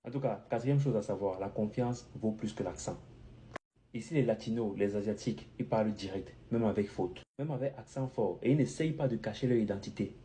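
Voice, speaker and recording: A French-speaking man talking straight to camera in an animated, joking way while giving English accent tips. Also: fairly low pitch, a little fast, a little hiss or hum. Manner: animated and playful, with jokes and mock English phrases. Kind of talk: direct-to-camera vlog talk.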